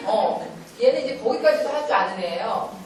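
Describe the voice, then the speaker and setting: A middle-aged woman giving a lively talk at a church parenting meeting, telling stories and acting out stern scolding. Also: fairly high pitch, fairly quick, heavy background noise. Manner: animated storytelling, acting out stern scolding, often laughing. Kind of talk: lecture-style talk with acted quotes. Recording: echoey hall, voice from far off.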